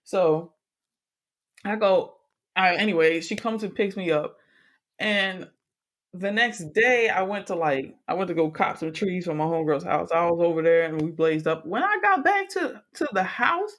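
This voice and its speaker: Profane storytelling man, laughing often. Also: sits high. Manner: animated, profane, laughs through his stories. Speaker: podcast co-host. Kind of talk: casual chat, storytelling.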